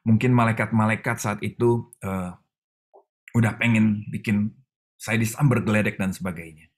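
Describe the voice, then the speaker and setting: A man preaching a sermon over a video call, telling a personal story with emotional swings between loud and quiet. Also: lowish voice, fairly even intonation, normal speed. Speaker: pastor.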